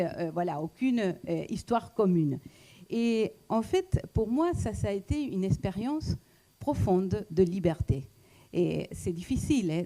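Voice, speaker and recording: Woman speaker, foreign accent, mellow warm voice, hesitant, reflective talk. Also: mid-range voice. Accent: foreign accent in French. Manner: hesitant, many fillers and restarts.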